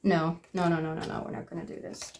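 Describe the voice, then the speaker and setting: A woman's voice: fairly low pitch, little pitch movement, fast talker, creaky, a little mellow, slight background noise. A young woman in her twenties doing a casual tarot reading, chatting aloud to her cards and to spirit. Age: 20s. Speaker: tarot reader.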